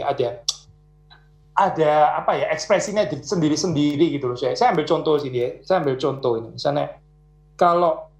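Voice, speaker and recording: Man, pastor, audience Q&A, conversational, many fillers, echoey room. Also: a little high. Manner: conversational, frequent "ya" fillers, explains with examples. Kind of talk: answering audience questions. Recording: roomy echo.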